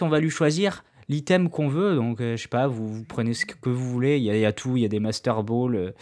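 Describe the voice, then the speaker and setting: A man's voice: medium pitch, a little mellow. Casual, slangy man walking through a tutorial. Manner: loose, slangy, with many fillers and restarts; self-mocking asides. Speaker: gaming YouTuber giving a tutorial. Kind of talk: casual screen-recorded tutorial.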